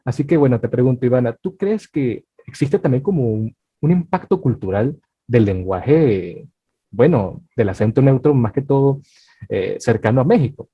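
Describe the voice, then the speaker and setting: A man hosting a casual podcast interview who talks in a loose, conversational way, full of fillers and lively asides. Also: mid-range voice, normal speed, slightly rough, no room sound. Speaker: podcast host. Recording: dull, dry, slightly lo-fi.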